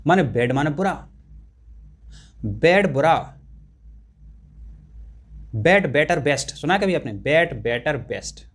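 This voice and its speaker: A man teaching an exam-prep lesson, explaining English grammar to students and repeating and stressing key points. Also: fairly high pitch.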